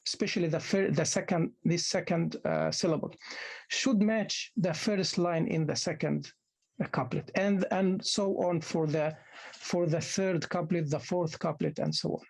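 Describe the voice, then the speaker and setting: A man, a native Arabic speaker, lecturing postgraduate students in a halting way, often restarting and repeating words as he explains. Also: fairly high pitch, fairly even intonation, vocal fry, slightly rough. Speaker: university lecturer. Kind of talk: academic lecture.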